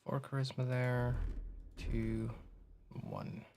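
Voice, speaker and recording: A man's voice: mid-range voice, little pitch movement, takes it slowly, a little mellow, slight background noise. Sarcastic male game streamer. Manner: dry, sarcastic asides. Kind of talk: game commentary.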